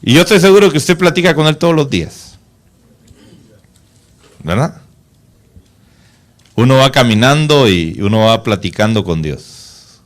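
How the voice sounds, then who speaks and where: A male pastor preaching a sermon, asking the congregation rhetorical questions and dropping to a soft, low voice for solemn points. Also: big pitch swings, measured pace, long pauses.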